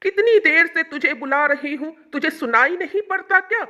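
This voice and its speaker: A woman doing a shrill, nagging old mother-in-law. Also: expressive, moderate pace, sharp tone. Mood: scolding. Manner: shrill, complaining, bossy.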